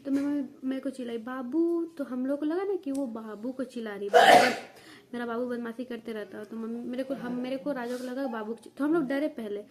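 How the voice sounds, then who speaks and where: A woman's voice: a little high, brisk, a loud crowd. A young woman vlogger tells viewers a family story at home, rambling with restarts and coughing now and then. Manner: rambling, many restarts and fillers, talks straight to viewers. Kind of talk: casual vlog storytelling.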